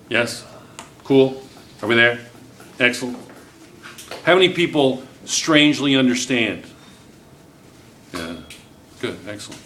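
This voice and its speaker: With a mid-range, slightly bright voice, a middle-aged man runs a chemistry class at the whiteboard, constantly encouraging and quizzing students as he solves problems. It's filmed from a distant camera in a spacious classroom, with slight background noise.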